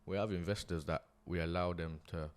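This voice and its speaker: A young man with a low voice talks in a relaxed interview. His speech is slangy and earnest, full of small restarts and tag questions. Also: fairly quick. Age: young adult. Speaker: guest, property investor. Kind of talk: casual interview chat.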